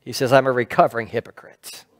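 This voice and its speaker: A man's voice: medium pitch, flat delivery, fast talker. A middle-aged man preaching a sermon from a lectern in a church sanctuary, in a conversational way that puts questions to the congregation. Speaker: pastor.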